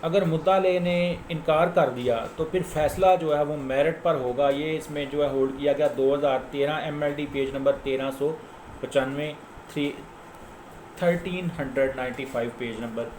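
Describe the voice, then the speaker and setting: Citing case law in an informal lecture, a male lawyer with a Pakistani accent explains things didactically and drives key points home through repetition. His voice is fairly high with a darkish tone at normal speed, recorded in an echoey room with faint background noise.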